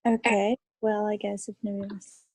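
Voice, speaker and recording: A woman in a sales training, calmly explaining how to review appointments. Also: medium pitch, normal speed, background noise. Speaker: sales team member in a training. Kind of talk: casual group discussion.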